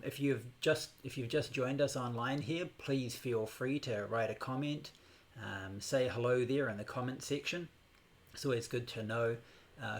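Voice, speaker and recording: Gravelly-voiced New meditation teacher. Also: male voice, medium pitch. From New Zealand. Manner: unhurried, with frequent hesitations. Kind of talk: live-streamed class introduction. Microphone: new microphone on a laptop setup.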